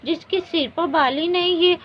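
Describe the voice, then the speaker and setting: A woman's voice: very high voice, moderate pace, slight background noise. A woman voicing a vain, spiteful younger wife who taunts her rival. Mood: mocking. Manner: mocking, taunting. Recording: dull lo-fi recording.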